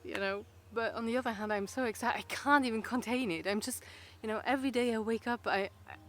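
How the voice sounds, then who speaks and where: Speaking fast in a slightly high voice, a Luxembourgish-accented vlogger from Luxembourg, whose first language is Luxembourgish, chats casually to camera. She rambles, hesitates, and restarts often, leaning on plenty of fillers.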